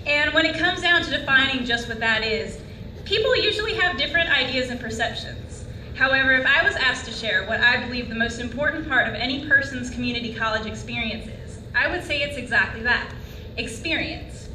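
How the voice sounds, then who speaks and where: A young woman gives an earnest graduation speech from a lectern on an auditorium stage, putting questions to the crowd. Her high voice has a sharp edge, and a slight hiss or hum sits in the audio. The lectern mic picks her up from a distance in an echoing hall.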